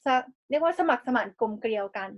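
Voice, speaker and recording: A woman interpreting the speakers in a steady, fluent voice-over. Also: on the high side, fast. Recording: dull lo-fi recording.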